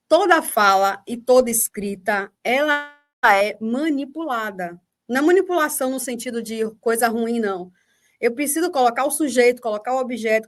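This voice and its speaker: High-voiced Brazilian woman teaching. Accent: Brazilian Portuguese. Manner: explanatory, checks understanding with rhetorical questions. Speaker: teacher and mentor. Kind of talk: online workshop talk answering a question. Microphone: video call.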